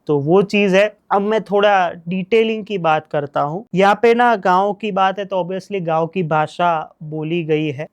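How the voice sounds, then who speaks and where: A man's voice: high-pitched, clean tone. A man with a Gujarati accent talking through a series review in a casual, enthusiastic way, repeating praise and mixing in English phrases.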